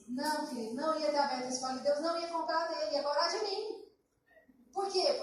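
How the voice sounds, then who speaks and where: A woman pastor preaching a sermon, telling a lively personal story and acting out conversations. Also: high voice, a little hiss or hum. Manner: animated storytelling, acting out dialogue. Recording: echoey church hall from far off.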